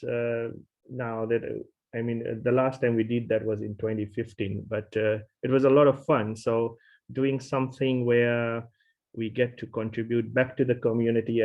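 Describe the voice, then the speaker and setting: A middle-aged man from Fiji, a university lecturer, opening an online programming class with many fillers and restarts. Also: medium pitch. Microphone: video call. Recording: dull lo-fi video call audio.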